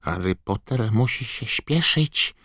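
A man voicing an excitable male house-elf servant who squeaks and screeches and talks about himself in the third person. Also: slow, dry recording, clean studio sound, heavily acted. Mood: eager, urgent.

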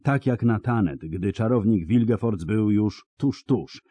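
A man reading a fantasy novel aloud as an audiobook narrator, in a dramatic, expressive storytelling manner. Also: on the low side, unhurried, no room sound.

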